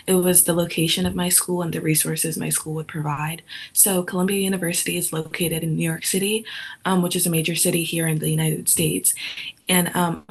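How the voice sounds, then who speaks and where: A young woman speaks on a student panel over a video call. Her voice is husky, low-set and flat. She delivers her answers in a measured way with frequent ums. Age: young adult. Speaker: incoming college student panelist.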